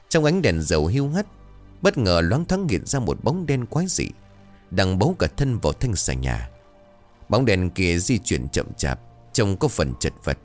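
A man narrating a scripted horror story in a dramatic, suspenseful way. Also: low-pitched.

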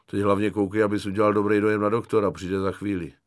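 A slangy, mocking army medic corporal, voiced by a male reader. He talks in a chummy, wisecracking way, with a fairly low voice. The audiobook recording is dry and close. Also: flat delivery, dry recording, close to an everyday voice. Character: cynical joking army medic corporal, young man. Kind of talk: audiobook character voice.

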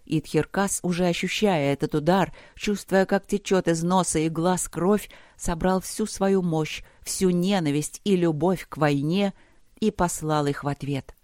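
An audiobook narrator reading a dark fantasy battle in a measured, dramatic storytelling manner, close to the mic. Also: mid-range voice, steady tone, dry recording. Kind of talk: scripted narration.

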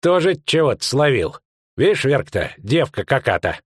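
A man's voice: medium pitch, sing-song, moderate pace, breathy edge, dry recording, studio quality, voice pushed up. A man voicing a fat, jeering mercenary with a gloating manner.

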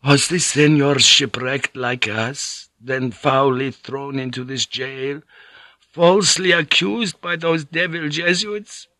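A man's voice: medium pitch, slow pace, sharp tone, no echo, pitched above the performer's own voice. A man voicing an old, frail Spanish monk, feverish and suspicious, with a thick, sibilant peasant voice and a Spanish accent. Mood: suspicious, bitter. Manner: thick, sibilant peasant voice, pleading then bitter.

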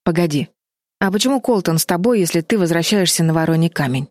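A woman's voice: on the low side, lively intonation, quick pace, a little mellow, dry recording, clean studio sound, lightly acted. A woman voicing an anxious, sensible girl who speaks sternly and pleads, in a storybook reading.

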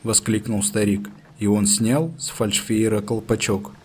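A man narrating a story in first person, reading in a steady, measured way. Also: lowish voice, slight background noise. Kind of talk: audiobook narration.

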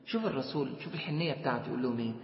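A man with an Egyptian Arabic accent giving a religious lecture, asking rhetorical questions and moving between soft and emphatic delivery. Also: medium pitch, lively intonation, racing. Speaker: preacher. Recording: echoey hall, dull lo-fi sound.

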